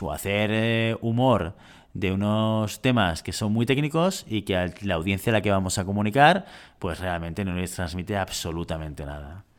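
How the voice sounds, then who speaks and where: A man from giving a measured, reflective talk on presentation skills, with rhetorical questions and a few fillers. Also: fairly low pitch.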